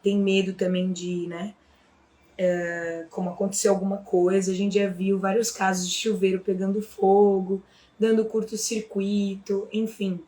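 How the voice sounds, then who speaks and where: Brazilian woman, Brazilian Portuguese accent, teacher, casual chatty explanations, mid pitch, echoey room. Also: flat delivery, measured pace, warm tone. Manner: chatty, frequent tag questions and fillers.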